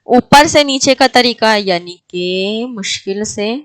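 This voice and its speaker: A woman's voice: medium pitch, clean tone. Woman teaching an exam prep lecture. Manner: asks questions then answers them.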